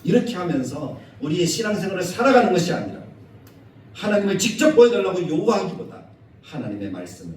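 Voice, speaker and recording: Male pastor, Sunday sermon, expressive pitch, heavy church echo, faint room noise. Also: quick pace. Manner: animated preaching, acting out quoted scolding in a raised voice. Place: church sanctuary. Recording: echoey church hall, mic at a distance.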